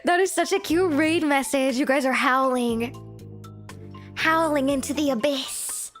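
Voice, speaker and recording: A woman with a high voice chats casually to her livestream viewers. Her delivery is cute and giggly, in the manner of an anime streamer. Music plays behind her. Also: a little slow. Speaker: livestream host.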